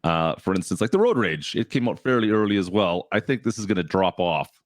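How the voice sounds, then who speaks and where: A man appearing as a guest on a livestream, giving his opinions in a measured, hedging way. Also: low-pitched, animated, no echo, clean studio sound. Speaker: guest co-host. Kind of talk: casual livestream chat.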